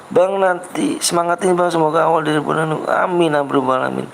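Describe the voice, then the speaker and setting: A man's voice: on the high side, fairly even intonation, brisk, gravelly, a little hiss or hum, rough recording. A man hosting a game livestream, chatting casually with Jakarta slang, patiently reading comments and coaxing viewers over and over. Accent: Jakarta Betawi slang. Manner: patient, reads chat, repeats himself coaxingly.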